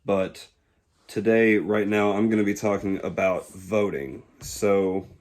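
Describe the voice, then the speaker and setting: A man in his twenties from Georgia, speaking in a casual, reflective monologue that pauses often to find the words. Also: fairly low pitch, steady tone, darkish tone. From Georgia, USA. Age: 20s. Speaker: YouTuber.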